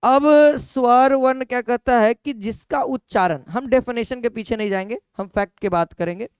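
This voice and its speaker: A man's voice: extremely high pitch, moderate pace, clear, resonant tone, no room sound, clean studio sound. A man teaching an exam-prep lesson, repeating key points and putting questions to his students.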